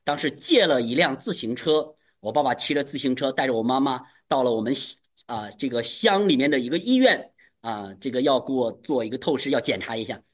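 A man with a slightly husky voice preaches a testimony to his congregation. His pitch swings widely as he tells the story, leaping high on the dramatic moments. It is animated, emphatic storytelling at a mid pitch. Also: a little fast. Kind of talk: testimony sermon.

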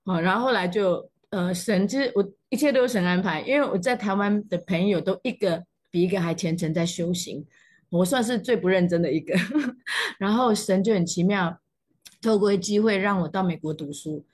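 A woman with a Taiwanese Mandarin accent, middle-aged; breathy, husky tone, emotional testimony storytelling. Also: mid-range voice, a little fast. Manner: emotional storytelling, voice jumping up at moving moments. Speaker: church testimony speaker. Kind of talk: personal faith testimony.

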